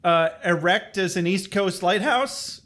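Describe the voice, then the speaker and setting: High-pitched guy rambling through a cartoon episode recap, swears a lot and cracks jokes. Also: unhurried, a bit bright. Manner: rambling, jokey, profane. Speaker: podcast co-host.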